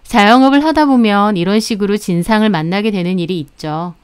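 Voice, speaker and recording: A woman who owns a cake shop, calmly narrating a scripted story about her own experience in a steady way. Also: mid-range voice, fairly quick, clear, resonant tone, no echo. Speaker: bakery owner telling her story.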